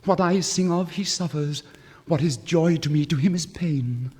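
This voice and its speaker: A tender female nightingale from a fairy tale, acted out by a man, pitched up and ardent. The delivery is rhapsodic and declamatory, like old storybook records. Long reverb rings around the vintage recording. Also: moderate pace, darkish tone, husky. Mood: rapturous. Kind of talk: 1950s literary story record acting.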